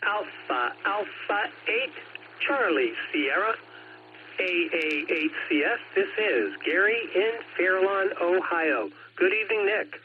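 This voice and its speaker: A man checking into an amateur radio net, spelling his call sign slowly and carefully, heard as a radio transmission with static. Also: high voice, lively intonation. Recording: tinny radio with faint static.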